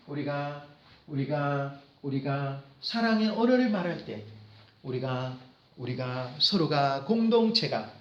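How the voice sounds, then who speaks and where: A man teaching a language lecture, repeating key phrases slowly for his students to follow. His voice sits high and moves widely across its range. The room around him carries a noticeable echo. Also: lively intonation, lo-fi sound. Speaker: professor teaching business Korean. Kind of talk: lecture with dialogue drills.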